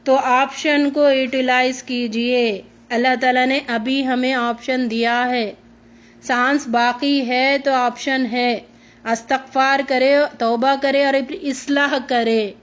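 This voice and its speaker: A high-pitched woman gives a Quran lesson on a dull, lo-fi recording. She explains each verse line by line and acts out the pleas and replies she describes. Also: flat delivery. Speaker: Quran teacher.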